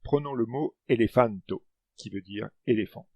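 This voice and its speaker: Guy with a gravelly husky voice reading a lesson, dry close sound. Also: medium pitch, normal speed, no room sound, muffled recording. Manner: explanatory, stresses example words. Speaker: language lesson presenter. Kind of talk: scripted educational narration.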